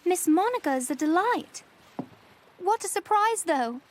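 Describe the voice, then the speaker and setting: An actress playing a chatty, effusive, gossipy young lady in animated period drama. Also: very high voice, a little slow, soft background music. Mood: delighted.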